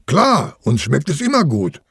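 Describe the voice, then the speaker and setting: Man voicing a cheery farm cow, content, raised pitch, dry close sound, children's audio story. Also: unhurried, breathy edge, no echo, full character voice. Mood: cheerful. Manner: cheery, relaxed northern greeting. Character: friendly talking farm cow.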